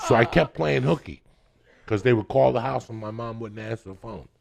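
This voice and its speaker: A man's voice: medium pitch, brisk, creaky, a little mellow. A middle-aged man, telling wild stories in casual, profane podcast chat, often breaking into laughter. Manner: profane, rambling, laughing storyteller.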